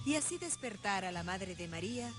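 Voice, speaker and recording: A woman narrates a children's story from a script. The voice sits at a middle pitch, and loud music plays underneath throughout. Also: animated, a little fast.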